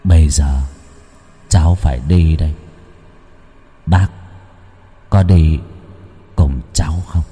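A man voicing a possessed young village man who speaks slowly and deliberately from deep in his throat. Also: expressive, mellow, big-room sound, slight background noise. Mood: eerie. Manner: slow, deliberate, low and throaty.

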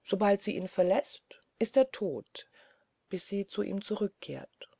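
A woman voicing an earnest male scholar's assistant who speaks in a dry, measured, lowered voice. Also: dark tone, dry recording. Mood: grave, hushed.

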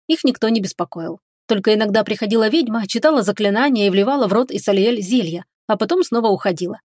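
A woman reading a fantasy story aloud in a calm, even manner. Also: medium pitch, no room sound, clean studio sound. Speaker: audiobook reader. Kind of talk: scripted narration of a fantasy story.

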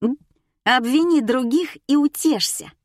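A woman reading an audiobook, voicing a rough, aggressive teenage girl who snaps and shouts. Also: on the high side, sing-song, normal speed, dry recording, clean studio sound. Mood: shouting angry. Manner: shouting, snapping.

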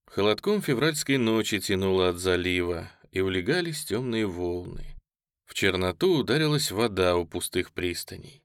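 A man reading a novel aloud in a measured, solemn manner, close to the mic. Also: sits low, lively intonation, dry recording. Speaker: audiobook narrator. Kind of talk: scripted literary narration.

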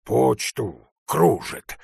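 A man voicing a frightened, superstitious middle-aged village sexton who mutters hoarse, tearful accusations. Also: mid-range voice, animated, drawn-out words, a little mellow, no room sound, studio quality, exaggerated voice. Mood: accusing.

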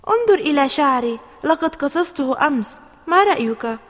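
A woman's voice: high voice, expressive, a little fast, fairly bright tone, long reverb tail, soft background music, pitched above the performer's own voice. A woman voicing an insecure boy who is eager to fit in with popular classmates. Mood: hopeful. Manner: insistent, hesitant.

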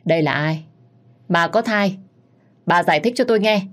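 A woman voicing a fierce, protective middle-aged mother who gives loud commands. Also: lowish voice, normal speed, lightly acted. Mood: demanding. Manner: commanding, furious.

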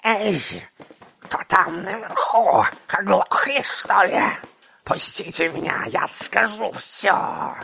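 Vicious old hag, gravelly hiss, slow and menacing; a man voices her. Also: high-pitched, expressive, pushed and bright, pitched above the performer's own voice, full character voice.

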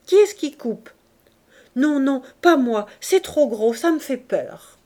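A woman's voice: sits high, animated, slow pace, darkish tone, voice pushed up. A woman doing a fretful laundress hostess. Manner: nervous, hesitant.

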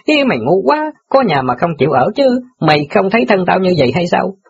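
In an audiobook drama, a man heavily acts a brash, teasing street newspaper boy, talking fast in a high, lively voice that's husky and gravelly. The recording sounds dull and lo-fi.

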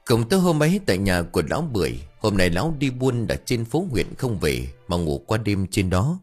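A man narrating a ghost story audiobook with lively storytelling, voicing all the characters himself. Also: on the low side, brisk, faint music behind. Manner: animated storytelling, voices every character himself.

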